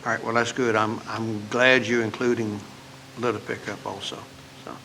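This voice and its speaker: A man's voice: on the low side, level tone, normal speed, noisy background. A man chairing a county board meeting in an easygoing, polite way.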